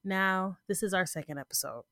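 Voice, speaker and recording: A woman with a medium-pitched, bright, forceful voice hosts her own podcast, talking fairly quickly in a casual solo format. She's congested and sniffling, rambles informally, keeps restarting, and checks in with "right?" The close podcast mic gives a dry, clean studio sound.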